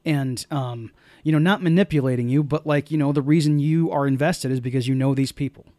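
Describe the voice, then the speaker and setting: A man's voice: mid-range voice, a little fast, warm tone, dry recording. A man co-hosting a casual movie podcast, rambling with lots of fillers and restarts. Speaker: podcast co-host. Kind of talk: casual movie-review chat.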